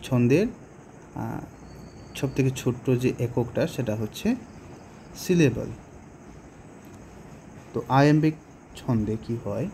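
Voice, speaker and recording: Bengali-accented male teacher, unhurried delivery, soft mellow tone, faint background hiss. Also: mid-range voice, vocal fry. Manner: explains slowly, with hesitations and rhetorical questions. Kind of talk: poetry lesson explanation.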